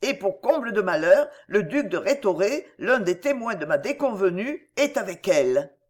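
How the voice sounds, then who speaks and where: A woman's voice: medium pitch, sing-song, moderate pace, a little mellow. A woman reading a storybook and voicing an anxious young man, earnest and worried. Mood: alarmed. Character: anxious young man, a fashionable ruined suitor.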